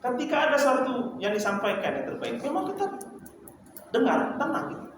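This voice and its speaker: A man leading a lively training session for mentors, asking the audience questions and often laughing. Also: extremely high pitch, a little fast. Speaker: Islamic teacher training mentors. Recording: echoey hall, distant mic, noisy.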